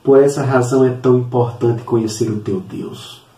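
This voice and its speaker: A man leads a church Bible class in a mellow, relaxed voice, earnest and repeating his points, often stopping on short fillers before going on. He is recorded from a distance in an echoey room. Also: medium pitch, moderate pace. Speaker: Sunday school teacher. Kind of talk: Bible lesson teaching.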